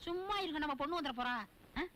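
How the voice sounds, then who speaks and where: A woman's voice: high-pitched, quick pace, a bit bright. An actress playing a scheming woman guest in a comic film, coaxing and ordering people about. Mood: bossy. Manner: dramatic lamenting, then coaxing and bossy. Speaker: houseguest.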